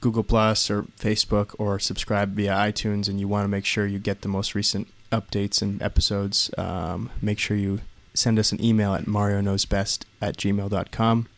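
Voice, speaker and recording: A man co-hosting a casual podcast in a low, relaxed radio voice. He talks in a measured, unhurried way. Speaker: podcast co-host.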